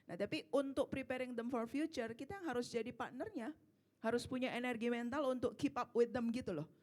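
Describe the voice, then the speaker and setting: A woman's voice: a little high, fairly quick. A woman speaking at a parenting seminar, answering parents' questions in an emphatic, conversational way. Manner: warm, emphatic, rhetorical questions. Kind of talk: casual seminar talk, mixing Indonesian and English.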